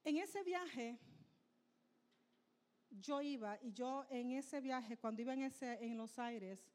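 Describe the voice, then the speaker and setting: A woman's voice: on the high side, slow, darkish tone. A woman in her fifties, a pastor's wife from Honduras, giving an earnest, emotional church testimony and addressing the congregation as brothers and sisters. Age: 50s.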